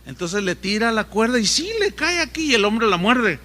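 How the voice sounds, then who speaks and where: Bright-voiced pastor preaching. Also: male voice, sits high, normal speed. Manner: animated storytelling, rhetorical questions. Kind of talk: sermon.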